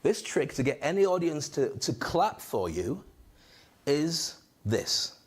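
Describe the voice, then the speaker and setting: On a conference stage, a male host who also coaches public speaking works the crowd with a handheld microphone, joking and animated to get them going. His voice sits on the high side and is slightly rough, and he speaks slowly.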